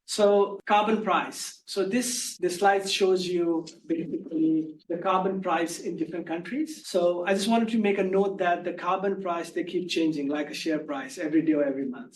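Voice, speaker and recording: Soft-spoken man presenting in echoey room. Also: steady tone, moderate pace, few pauses. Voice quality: soft-spoken, low volume. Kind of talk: slide presentation. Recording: echoey room, far from mic, faint hum.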